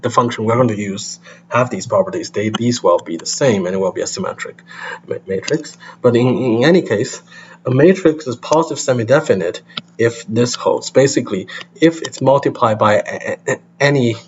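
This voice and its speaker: A man's voice: mid-range voice, normal speed. A man giving a recorded university lecture, explaining step by step with frequent restarts and fillers. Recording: slightly dull recording with faint hum.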